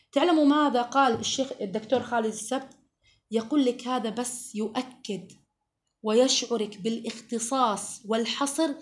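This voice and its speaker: A woman gives a religious lesson to a group of women. She explains verses step by step, checks with her listeners through questions, and slows down to recite scripture. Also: sits high. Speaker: religious teacher.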